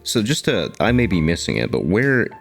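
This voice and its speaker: A man's voice: sits low, big pitch swings, moderate pace, vocal fry. A man playing a tabletop role-playing game, talking casually through what his character does. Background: soft guitar music.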